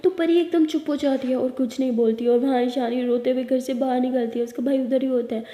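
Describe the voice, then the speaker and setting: A woman narrating a serial love story in an emotive, steady manner. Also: high voice, fairly quick. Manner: emotive, retelling in present-continuous. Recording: echoey room with long reverb.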